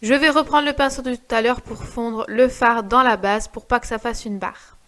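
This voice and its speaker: Young woman narrating a makeup tutorial. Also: on the high side. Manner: calm step-by-step explaining. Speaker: beauty vlogger.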